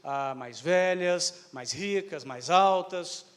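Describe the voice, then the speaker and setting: Man, live sermon interpreter, high voice, hesitant with fillers and restarts, long reverb. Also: takes it slowly. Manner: hesitant, with fillers and self-corrections. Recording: echoey hall with long reverb.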